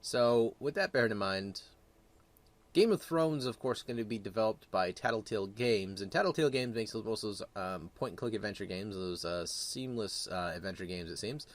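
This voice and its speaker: Low-voiced man, blunt and sweary. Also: lively intonation, moderate pace. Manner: rambling, self-correcting delivery. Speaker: gaming commentator. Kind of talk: casual opinionated vlog commentary.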